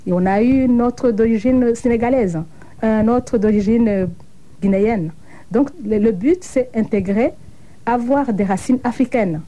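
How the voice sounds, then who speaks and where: On a muffled recording, a middle-aged Burundian woman who co-founded an association speaks as a guest in a reflective broadcast interview. Her voice is a little high and warm, her pace slightly slow, and her account earnest and thoughtful.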